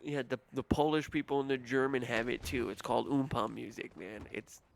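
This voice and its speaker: Guy streaming, gravelly voice, swearing and joking at himself, bit of hiss behind. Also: mid-range voice, fairly quick. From Italian American. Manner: profane, self-mocking, acts out quotes in voices. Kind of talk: casual ranting monologue.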